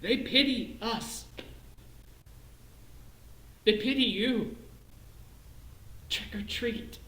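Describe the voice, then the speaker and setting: An actor playing a bitter middle-aged clerk with a Northern Irish accent in a theatrical monologue, swinging between hushed self-loathing and shouted rage. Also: male voice, very high-pitched, very slow, heavily acted. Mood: furious, scornful. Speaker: stage actor in a one-man show. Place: performance space, live stream. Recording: roomy echo.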